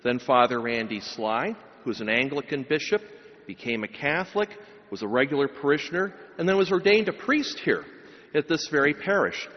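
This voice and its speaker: A man's voice: mid-range voice, very animated, normal speed. A middle-aged man, a pastor, preaching a sermon and giving a blessing at a pulpit microphone, with emphatic, rising phrases. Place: large church. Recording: long church reverb, dull sound.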